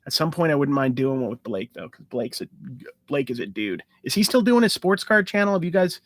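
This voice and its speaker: A sports card channel host runs a casual live-stream Q&A, enthusiastic about card hunting as he rambles loosely with restarts and filler words. His fairly high voice is sing-song and fairly quick, captured in a dry recording.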